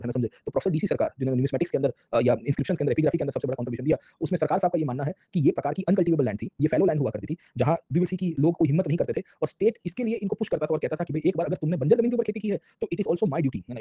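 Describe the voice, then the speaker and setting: A man with an Indian accent delivers a history lecture at a very fast clip, always checking whether the class has understood. His voice is husky and deeply mellow. The recording is dry and dull, like muffled lo-fi audio. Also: no echo. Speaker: history teacher. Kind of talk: lecture in mixed Hindi and English.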